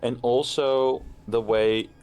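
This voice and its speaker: A man's voice: mid-range voice, fairly even intonation, slow, darkish tone, clean tone. A man co-hosting a podcast, talking casually and searching for his words. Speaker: podcast co-host. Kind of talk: casual chat.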